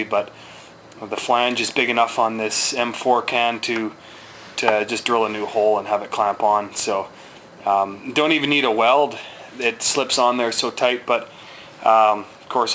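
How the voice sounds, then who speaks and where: Working on his own bike's exhaust, a man narrates the job in informal, slang-heavy, hands-on style. His medium-pitched voice sounds pushed and bright, and the audio is poor with slight background noise.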